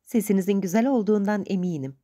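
A woman reading the lines of a spirited, proud young woman, speaking quickly and emphatically in a raised voice. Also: mid-range voice, animated, mellow, voice pushed up, natural voice.

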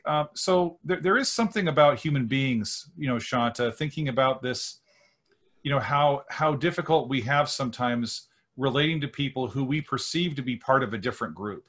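A man's voice: medium pitch, fairly bright tone. Middle-aged clergyman musing as host. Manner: musing, fills with "you know", gestures while asking. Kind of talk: conversational interview on a video call. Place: home study with bookshelves. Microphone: computer microphone on a video call.

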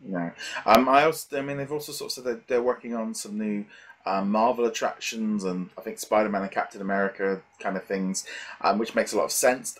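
A middle-aged man hosts a podcast in a small indoor home room lined with shelves, talking through a headset. His voice is on the low side and a little fast, and he chats casually, hesitating and rambling as he thinks aloud.

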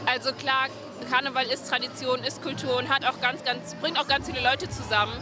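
A man's voice: very high voice, fairly even intonation, a little fast, music in the background, a crowd in the background. Firm, critical man in street interview.

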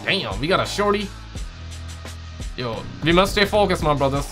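A man's voice: a little high, sing-song, moderate pace, fairly bright tone. A young man hosting a reaction video with casual, slangy, exclamatory commentary, often repeating his phrases. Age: young adult. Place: home room with green screen. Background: music.

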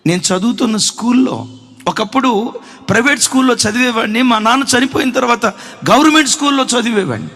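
Impassioned high-voiced male preacher. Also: quick pace. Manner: impassioned preaching with shouted peaks. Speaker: pastor. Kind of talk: sermon. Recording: echoey hall.

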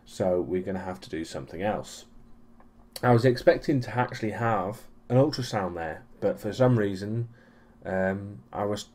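A young European man with a lowish, darkish voice wanders through his weekly vlog recap at a moderate pace. He stumbles over ums and restarts and keeps a dry, sarcastic tone.

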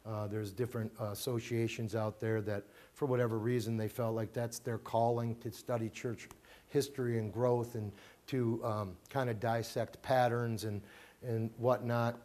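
Speaking to his congregation in a small church, a middle-aged pastor delivers an informal, chatty family talk full of fillers, restarts and emphatic repeats. His voice is medium-pitched and a little mellow, with little pitch movement and a moderate pace. He uses a handheld mic, recorded by a far-off camera.

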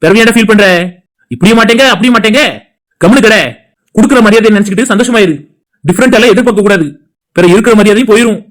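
Young male friends bantering in a homemade cartoon, voiced by one performer, talking fast in a Tirunelveli Tamil accent. The chatter is casual and teasing. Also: mid-range voice. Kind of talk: cartoon voice acting.

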